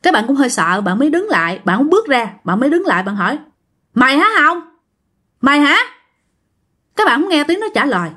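A woman's voice: sits high, rapid-fire, few pauses, slightly rough. A woman telling a ghost story to her listeners, acting out the voices of the people in it. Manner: lively, acts out the quoted voices. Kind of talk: storytelling to an audience.

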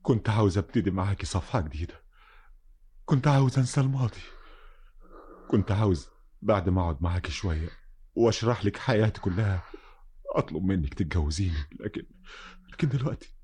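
An actor with an Egyptian accent playing an unhinged young man raving about a killing, stammering and swinging between murmurs and shouts in vintage radio drama style. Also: on the low side, lively intonation, brisk, pauses often, breathy edge. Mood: desperate. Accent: Egyptian Arabic.

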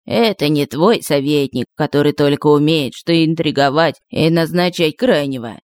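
A woman reading an audiobook, voicing a shrewd old witch with a calm, knowing manner. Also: sits low, moderate pace, dry recording, natural voice.

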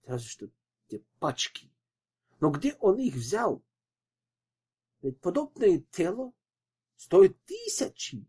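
A man's voice: high voice, wildly swooping pitch, takes it slowly, pauses often, mellow, slightly rough, voice pushed up, full character voice. A man voicing a frightened young widow who speaks in a trembling, pleading way. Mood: shaken.

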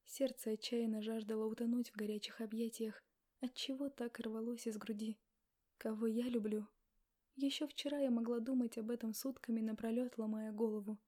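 A young adult woman narrating a novel in the first person, in an intimate, often hushed voice. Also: on the high side, fairly even intonation, normal speed. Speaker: audiobook narrator.

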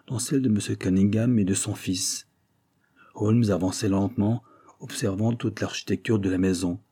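A man narrating an audiobook in the first person, in a measured storytelling manner. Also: lowish voice, mellow, slightly rough.

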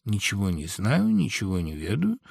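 A man voicing a crafty, flattering female fox in a storybook reading, sweet-talking and theatrical. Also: on the low side, moderate pace, creaky, slightly rough, no room sound, full character voice. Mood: sly flattery. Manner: sweet, theatrical, falsely gushing.

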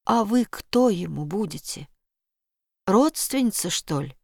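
A woman voicing a gruff old village blacksmith in a storybook reading, speaking low and curt. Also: expressive, unhurried, a little mellow, no room sound, studio quality. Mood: somber.

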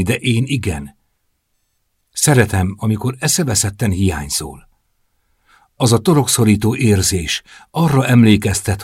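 A man voicing a gentle, wistful young woman in love, with a soft, dreamy and pleading manner, in an audiobook reading. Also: on the low side, husky, no echo, studio quality.

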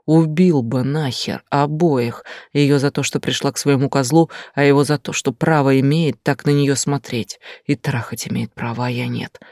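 A hot-headed young lover brooding over his jealousy, read by a man. He speaks low and bitter. The voice is dry and close. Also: moderate pace, hardly any pauses, a little mellow, no echo, natural voice.

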